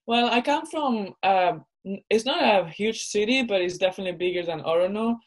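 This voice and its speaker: A woman's voice: medium pitch, brisk, low-quality recording. A young woman from northern Spain, a college basketball player talking casually as a podcast guest. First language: Spanish. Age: young adult. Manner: relaxed, conversational, many fillers like "you know". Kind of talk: casual interview.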